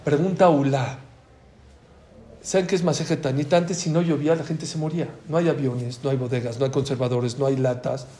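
Animated man teaching in an echoey room. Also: medium pitch, normal speed, a little hiss or hum. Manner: animated, acts out dialogues, swings between loud and hushed. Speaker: Torah teacher. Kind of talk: religious lesson.

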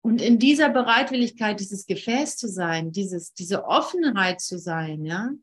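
Woman giving a laid-back spiritual lesson, talks really slowly, keeps repeating herself with lots of pauses. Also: mid-range voice, animated. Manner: earnest, emphatic, with repeated phrases and frequent pauses. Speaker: spiritual course teacher. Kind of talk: informal spiritual teaching session.

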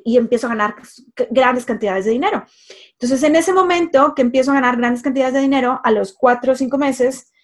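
Woman, life coach, casual storytelling, emphatic repetition, lots of fillers, fairly high voice.

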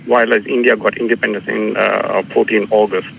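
A man's voice: lowish voice, level tone, fairly quick, vocal fry, a bit bright, a little hiss or hum, poor audio. A man from Kashmir with a Kashmiri accent answers interview questions as a community leader, often repeating words and phrases.

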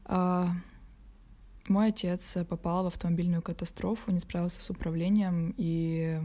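Woman, 18, podcast guest from Russia; low, level, mellow delivery. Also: steady tone, moderate pace. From Novorossiysk, Russia. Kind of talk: podcast talk.

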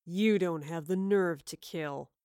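A woman voicing a spiteful, exhausted male villain who sneers and taunts in a slow, contemptuous drawl. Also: lowish voice, warm tone, clear, resonant tone, no room sound, studio quality, pitched below the performer's own voice. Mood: taunting.

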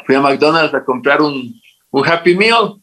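Guest, Ecuadorian man, lively storyteller, voice sits somewhat high, acts out the dialogue. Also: a little slow, poor audio. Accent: Ecuadorian Spanish. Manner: animated, acts out quoted dialogue. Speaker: interview guest. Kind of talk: casual storytelling interview.

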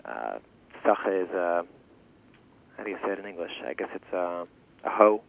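Low-voiced young man on a phone-like line. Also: animated, gravelly. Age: 20s. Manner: halting, thinking aloud with restarts and repeated words. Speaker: interview guest, farm founder and language teacher. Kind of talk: casual interview. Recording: thin phone-like radio interview sound.

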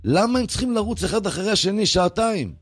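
A man's voice: sits high, animated, breathy edge, no echo, studio quality, voice pushed up. A man voicing an elderly rabbi who questions things innocently, sounding bewildered. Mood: puzzled. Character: elderly male Jerusalem rabbi, puzzled and earnest.

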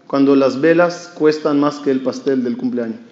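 A male rabbi giving an animated sermon, asking the audience questions and acting out the lines of a story. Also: medium pitch, normal speed, slight background noise. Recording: dull, echoey hall recording.

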